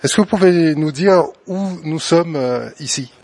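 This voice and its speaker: A man's voice: fairly high pitch, measured pace, darkish tone. A man interviewing a business owner, asking questions hesitantly with frequent fillers.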